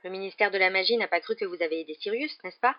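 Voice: medium pitch, fast talker, natural voice. A reader voicing an earnest teenage boy wizard student who talks in an urgent, pleading way. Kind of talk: audiobook character voice. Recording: slightly dull lo-fi recording.

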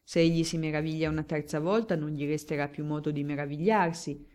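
A chatty, flattering journalist, glib and grandly declaiming as he angles for a story, as a woman reading the book puts him on. The voice sits low and rich for a woman, while his lines jump noticeably higher and louder than her narration. It plays out as an audiobook character. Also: a little fast, close to an everyday voice. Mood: eager. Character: talkative, flattering male newspaper journalist.

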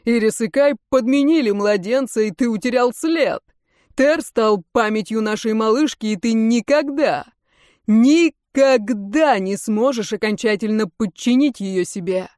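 A woman's voice: fairly high pitch, a little slow, no echo, studio quality, close to an everyday voice. Woman voicing a furious betrayed fire mage. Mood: accusing. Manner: raging accusing shouts.

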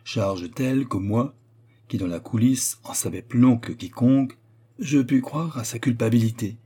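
A man narrating a story aloud in a measured, dramatic way. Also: medium pitch, mellow, slightly rough. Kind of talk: audiobook narration.

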